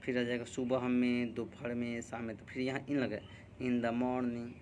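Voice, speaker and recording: A male teacher giving an English grammar lesson, dictating example sentences slowly and deliberately. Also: medium pitch, little pitch movement, a little mellow, a little hiss or hum. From India.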